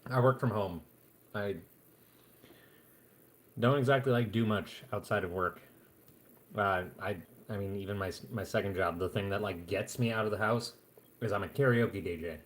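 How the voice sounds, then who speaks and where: A man's voice: on the low side, moderate pace, pauses often, a bit bright. A man chatting casually to viewers on a live stream at home, rambling along with plenty of fillers and restarts.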